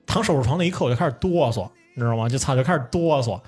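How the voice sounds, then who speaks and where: A man's voice: medium pitch, lively intonation, rapid-fire, a little mellow, breathy edge, faint music behind. A young man, a podcast host telling a story in casual chat, swearing and laughing often. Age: young adult.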